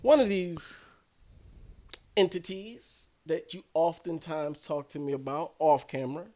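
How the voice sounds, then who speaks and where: Man, forties, high voice, animated podcast co-host, laughs a lot, trails off mid-sentence. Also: a little slow. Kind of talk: casual chat.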